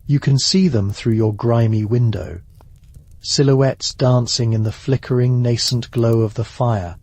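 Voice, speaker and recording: A man telling a second-person history story for sleep in a soft, hushed, measured voice. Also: mid-range voice, fairly even intonation. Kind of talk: slow ASMR sleep-story narration.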